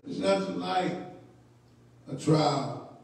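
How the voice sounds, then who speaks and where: A man's voice: high-pitched, vocal fry. A man, a bishop, teaching a midweek Bible study sermon in a church, drawing out his phrases and calling out to the congregation for responses. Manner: unhurried, drawn-out phrases with call-and-response to the congregation. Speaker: bishop preaching. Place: church sanctuary. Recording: echoey church hall from far off.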